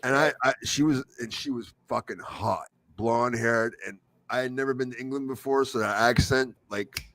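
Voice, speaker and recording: A male host leads a casual livestream chat, easygoing and quick to laugh. He keeps asking his guest questions. His voice sits at an ordinary pitch and sounds dry and close. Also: a bit bright, no echo.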